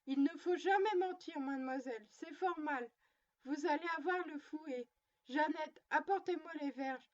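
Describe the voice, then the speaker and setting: Voiced by a woman, a high-pitched little girl scolds her doll like a strict, prim mother, lingering over each reproach at an unhurried pace. It's a storybook reading, and the audio is slightly muffled and lo-fi.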